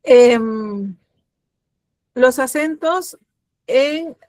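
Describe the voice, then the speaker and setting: Middle-aged woman teacher, slow deliberate pace, slightly high voice, dry close sound, patient explanations with fillers. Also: animated, a little mellow, no echo. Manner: patient, explanatory, checks understanding with "¿listo?" and many fillers. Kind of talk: online grammar lesson.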